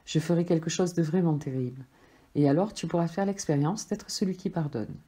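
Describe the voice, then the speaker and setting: A woman voicing a gentle, loving soul that speaks softly and patiently. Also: low voice, fairly quick, breathy edge. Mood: tender. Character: gentle, loving friendly soul, calm and tender.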